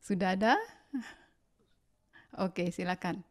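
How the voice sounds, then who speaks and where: A woman hosting a seminar session, speaking in a polite, measured way. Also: lowish voice, fairly even intonation, darkish tone. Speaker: session host. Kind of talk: seminar moderation.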